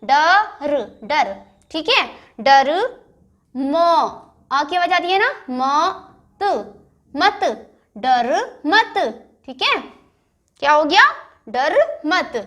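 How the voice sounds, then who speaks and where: A woman's voice: high-pitched, very animated, very slow, long pauses, a bit bright, highs cut off. A woman teaching young children to read, sounding out words syllable by syllable and asking them questions. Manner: keeps checking in with "theek hai". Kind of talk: primary school phonics lesson.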